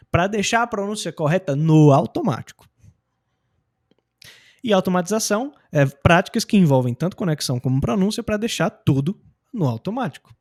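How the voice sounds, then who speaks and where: A young Brazilian man teaches English in a casual, slang-heavy lesson, his fairly high voice carrying a darkish tone. Full of energy, he keeps acting out the example phrases he introduces.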